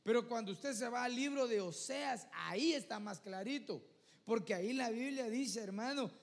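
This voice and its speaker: Male preacher, high voice, earnest, conversational sermon, keeps checking in with listeners, long echo of a church hall. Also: expressive, moderate pace, vocal fry. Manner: addresses listeners as "hermano", keeps asking "¿verdad?".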